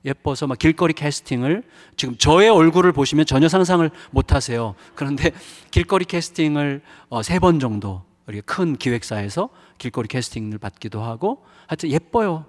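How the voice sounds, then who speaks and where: A man's voice: a little high, animated, a little fast, few pauses. A middle-aged man preaching a revival sermon, telling a personal story in a frank, emotional way with frequent hesitations. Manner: confessional, emotional storytelling with many fillers. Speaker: pastor. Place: church sanctuary. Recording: reverberant church hall.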